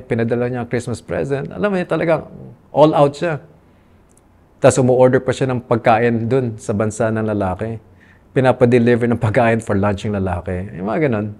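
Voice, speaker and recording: A Filipino-accented man speaking at a middle, ordinary pitch, telling his own story in an interview. He sounds earnest and aggrieved as he lays it out. He slips between Tagalog and English mid-sentence. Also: vocal fry, darkish tone. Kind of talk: candid personal testimony.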